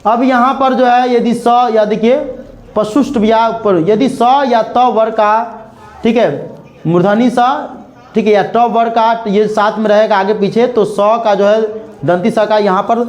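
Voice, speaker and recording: A young man with a Bihar Hindi accent teaches a grammar lesson in a high, steady voice. He spells out examples slowly, repeats words, and keeps asking the class "clear?"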